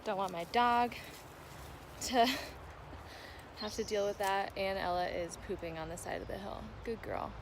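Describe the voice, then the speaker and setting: A young American woman vlogs casually while moving along a trail outdoors, chatting informally and breaking off to talk to her dog. Her mid-range voice is steady and a little slow, with long pauses and slight background noise.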